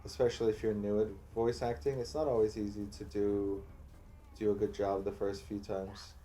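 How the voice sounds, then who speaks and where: A man's voice: fairly low pitch, flat delivery, normal speed, warm tone, a little hiss or hum. A man casually commentating on a video game as a streamer, musing and thinking aloud off the cuff.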